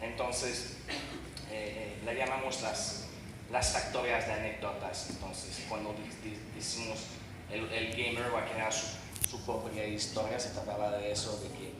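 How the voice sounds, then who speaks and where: A man speaks Spanish with a foreign accent in a halting, informal presenting style, often repeating words. His voice booms through a very echoey hall, with clear noise around him. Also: little pitch movement. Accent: foreign, non-native Spanish. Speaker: game company presenter. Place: large event hall. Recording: very echoey hall PA, distant, noisy.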